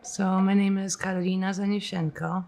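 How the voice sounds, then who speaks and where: A woman's voice: medium pitch, level tone, moderate pace, gravelly, warm tone, faint music behind. A woman in her forties from Poland, recalling her childhood casually in a documentary interview, with many fillers. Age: 40s. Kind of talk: documentary interview, personal recollection.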